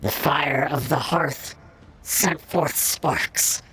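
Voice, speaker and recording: Dying cryptic tech-priest. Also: male voice, a little high, sharp tone, husky, faint music behind, heavily acted, rough recording. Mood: solemn. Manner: slow, solemn, prophetic speech.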